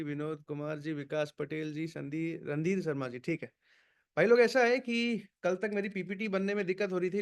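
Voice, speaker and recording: A man leading an online sales training session, energetic and urging, switching between Hindi and English words. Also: fairly high pitch, clean tone.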